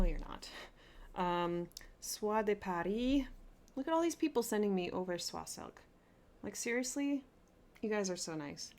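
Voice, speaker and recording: This flosstube host has a lowish, somewhat mellow voice, with slight background noise behind her. Showing a haul in a casual craft-vlog chat, she talks eagerly, gushes, and keeps restarting sentences.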